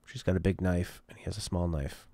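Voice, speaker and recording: A man's voice: low-pitched, steady tone, brisk, gravelly, mellow. A man chatting casually while streaming a game, rambling and joking between plays. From outside the UK. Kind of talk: casual gameplay commentary.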